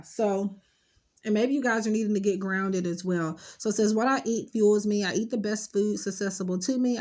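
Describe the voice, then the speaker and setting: Medium in pitch and a touch mellow, her voice sounds blocked up, and she sniffles now and then. She chats through a loose, rambling tarot reading, addressing viewers directly and reassuringly with plenty of fillers.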